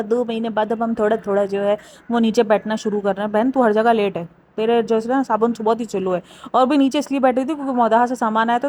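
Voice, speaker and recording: A young woman vlogger giving mocking, chatty commentary as she reviews a family's videos. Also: fairly high pitch. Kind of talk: casual gossip commentary.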